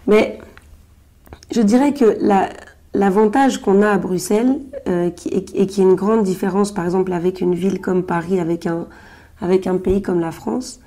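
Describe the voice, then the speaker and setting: A Brussels-born Congolese woman from Belgium, a journalist and writer, answers interview questions hesitantly, with many fillers and restarts. Her voice is medium-pitched, steady, and dark-toned, at a moderate pace.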